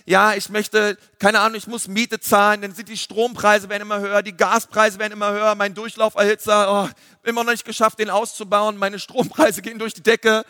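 A man, a pastor giving a lively sermon full of fillers. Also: sits high, a little fast, dry recording, clean studio sound, big-room sound. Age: 30s. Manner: lively preaching with filler words.

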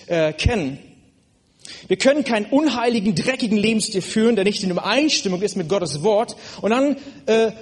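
High-voiced man preaching earnestly. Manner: earnest, direct address to listener. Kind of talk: sermon.

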